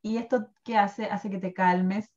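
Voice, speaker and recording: A woman in her thirties with a Chilean Spanish accent, chatting casually as a guest who presents wellness products. She talks in an animated, chatty way and laughs often. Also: medium pitch, measured pace. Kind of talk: casual chat. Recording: dull lo-fi recording.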